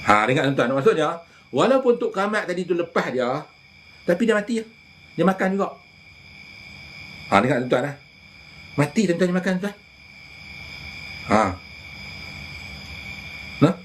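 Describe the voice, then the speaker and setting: A man, a religious healer telling animated stories in casual chat, often addressing listeners directly. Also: on the high side, normal speed, pauses often, slight background noise.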